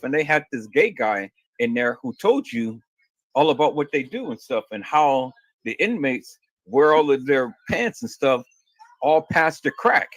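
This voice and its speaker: A man's voice: a little high, fairly bright tone, no echo. A man in a played clip, ranting in a crude, rambling way and repeating words. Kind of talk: ranting monologue.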